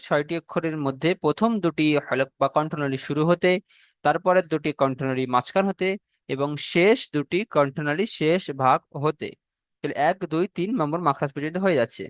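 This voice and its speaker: Male teacher, fairly high voice, clear and resonant, going over points again and again, checking in with students. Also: no room sound. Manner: slow and repetitive, drawing out each letter sound. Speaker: Quran recitation teacher. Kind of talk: classroom lesson on letter pronunciation.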